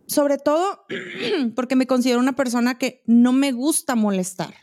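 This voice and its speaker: High-voiced Mexican woman, animated storyteller. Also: normal speed. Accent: Mexican Spanish. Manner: animated storytelling full of slang and swearing. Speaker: podcast host. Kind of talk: casual chat.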